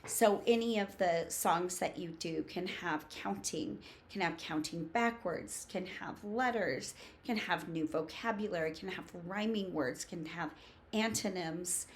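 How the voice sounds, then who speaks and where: A woman's voice: on the low side, unhurried. A woman in her fifties giving casual, emphatic instruction to camera as a preschool teaching coach, listing points in short phrases. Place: small home room with bookshelves.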